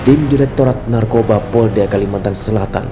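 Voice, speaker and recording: A man's voice: lowish voice, brisk. Man narrating crime news over music. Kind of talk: scripted investigative narration.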